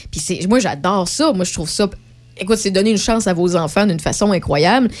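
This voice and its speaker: A woman from Quebec with a Québécois accent, hosting a radio show in a chatty, rambling way, filling pauses with lots of hesitations. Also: mid-range voice, animated. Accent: Québécois French. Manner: chatty and rambling, many fillers. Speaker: radio host. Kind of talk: casual radio chat.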